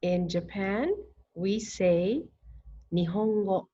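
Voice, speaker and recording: A woman teaching a language lesson, speaking slowly and deliberately and spelling out words syllable by syllable. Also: mid-range voice, fairly even intonation, mellow, lo-fi sound. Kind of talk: scripted lesson narration.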